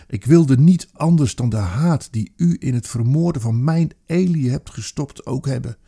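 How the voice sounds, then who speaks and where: A man performing an intense dramatic monologue, with slow deliberate pauses and emphatic stresses. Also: mid-range voice. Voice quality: gravelly, husky, dark. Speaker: narrator.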